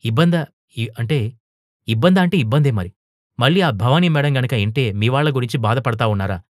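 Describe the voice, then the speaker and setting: A man voicing a timid, hushed young woman teacher. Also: medium pitch, expressive, brisk, dry recording, studio quality, close to an everyday voice. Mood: anxious. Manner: hushed, hesitant, placating.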